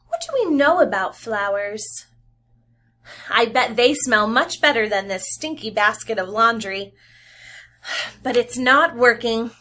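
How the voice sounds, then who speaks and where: With a voice on the high side, a young adult woman reads a picture book to small children as their teacher. Her delivery is lively and expressive, punctuated by sound effects and explanatory pauses.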